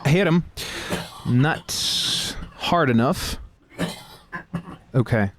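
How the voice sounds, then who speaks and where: A man hosting a stream, commenting on his game in an excitable, joking way. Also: medium pitch, drawn-out words, background noise. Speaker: host playing a game on stream. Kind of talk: casual chat.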